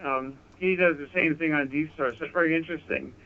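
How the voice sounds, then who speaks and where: A courteous, complimentary man chats as a ham radio operator during a casual contact, transmitting over radio from an apartment. His voice is on the high side, fairly quick, with fairly even intonation. The sound comes through a digital radio link, narrow and phone-like.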